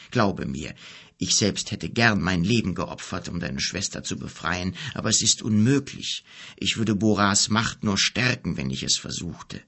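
A solemn, gentle bearded wizard from an audiobook, as a man reads him. He speaks low and unhurried in a gravelly, husky hush. His tone rises and sinks a great deal. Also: exaggerated voice. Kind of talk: audiobook character voice.

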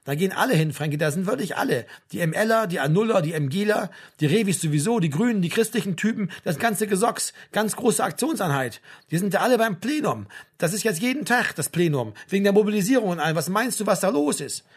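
A man's voice: sits high, animated, fast talker, hardly any pauses, slightly rough, voice pushed up, heavily acted. A man reading a novel aloud, voicing an earnest, insistent male ex-activist. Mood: eager. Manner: insistent, worked up.

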